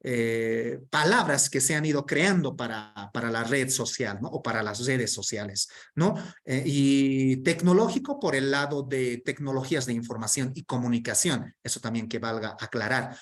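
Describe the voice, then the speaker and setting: A man's voice: mid-range voice, moderate pace, few pauses. A man presenting an online workshop, reading through a term list in an explanatory way and often checking in with tag questions.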